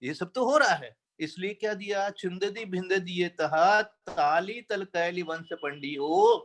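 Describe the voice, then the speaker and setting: A man with a fairly high voice delivers a religious discourse at an unhurried pace. He explains scripture patiently, chants verses now and then, and keeps asking his listeners rhetorical questions. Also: a bit bright. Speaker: Jain scripture teacher. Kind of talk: sermon on scripture.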